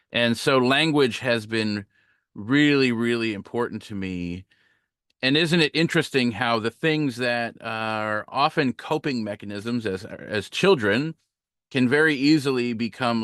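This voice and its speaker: A man giving a relaxed, conversational guest sermon as a minister, reflective and full of small fillers and restarts. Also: medium pitch, clear, resonant tone, dry recording, studio quality. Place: online talk, home setup.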